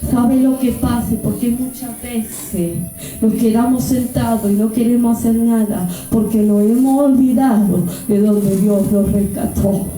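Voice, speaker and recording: Fervent Argentine woman preaching, high voice. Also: fairly even intonation, a little slow. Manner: fervent, rising to shouted pleas. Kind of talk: impassioned Pentecostal sermon. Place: church. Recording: very echoey church hall, mic far off, music behind.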